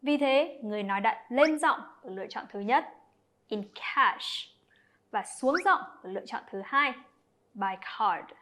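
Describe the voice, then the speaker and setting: A woman explaining an English lesson to children, talking to her pupils directly and clearly. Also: sits high, lively intonation, a little fast, few pauses, fairly bright tone.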